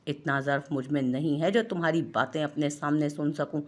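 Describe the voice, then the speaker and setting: A woman's voice: deep voice, steady tone, brisk. A woman voicing a domineering hot-tempered young man. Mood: furious. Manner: threatening, commanding.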